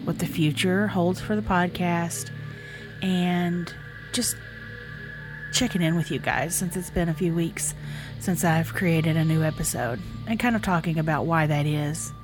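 An American woman with a slightly low-pitched voice hosts a solo podcast in a casual, confiding style. She speaks candidly and reflectively, pausing as she finds her phrasing. Faint music can sit behind her voice. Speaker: podcast host. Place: indoors in a room by a window.

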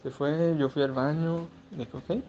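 A man's voice: on the high side, moderate pace, gravelly, a little mellow, muffled recording, a little hiss or hum. A queasy young man with a Mexican accent, rambling crudely in a casual video diary. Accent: Mexican Spanish.

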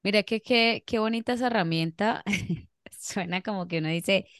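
A young Colombian woman chats on a podcast, rambling through stories with easy laughs. Her voice is smooth and resonant, at a middling pitch. The sound is dry and close. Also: moderate pace, no echo. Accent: Colombian Spanish. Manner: chatty, laughing, rambling storyteller. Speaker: podcast co-host. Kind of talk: casual chat.

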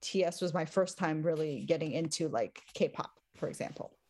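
Raised in the US after being born in Taiwan, this English professor in her forties chats casually on a podcast, thoughtful and laughing often between many pauses. Her voice is deep with a darkish tone.

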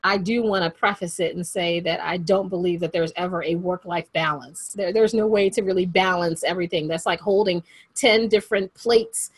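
An upbeat, chatty woman hosts a podcast interview in a fairly low voice. She leans on repeated phrases for emphasis, and the sound is close and dry. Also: normal speed, slightly rough, dry recording. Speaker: podcast host.

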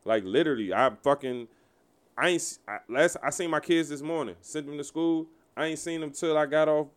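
A man's voice: a little high, a little fast. A man in his thirties talking candidly and profanely in a casual podcast chat, leaning on emphatic filler phrases. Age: 30s. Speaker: podcast co-host and DJ.

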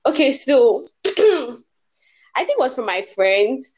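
A woman's voice: high-pitched, very animated, slow, a little mellow. Woman, young adult, Nigerian accent, podcast guest, playful, laughs easily. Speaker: guest, designer. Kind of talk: casual chat.

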